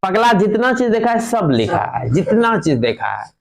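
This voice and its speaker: A man teaching a class, explaining an English textbook passage in Hindi. He reads English phrases slowly, then explains them quickly, checking with the students. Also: high voice, big pitch swings, creaky.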